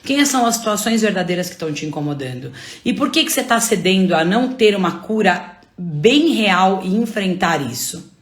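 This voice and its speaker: A woman's voice: mid-range voice, lively intonation, moderate pace. A woman with a Brazilian accent giving a faith-based motivational talk, pressing her listeners with repeated rhetorical questions. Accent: Brazilian Portuguese. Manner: emphatic, repetitive rhetorical questions. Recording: roomy echo.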